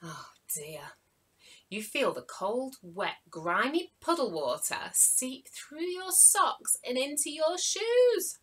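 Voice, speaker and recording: A woman, a children's author, telling a story to young children with dramatic gasps and hushed asides. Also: sits high, very animated, slow, few pauses.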